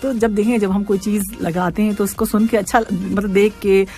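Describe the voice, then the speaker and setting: A woman's voice: medium pitch, fairly even intonation, fairly quick, a little mellow, faint music behind. A woman radio host chatting casually on air, reading out listener messages and laughing often. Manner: chatty, laughs often, mixes in English words. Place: radio studio.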